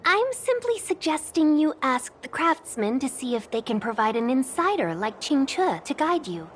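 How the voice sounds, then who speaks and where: A woman's voice: high voice, big pitch swings, normal speed, a little hiss or hum. An actress playing a polite, cautious female advisor in a video game, speaking carefully and persuasively. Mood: cautioning. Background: faint game music.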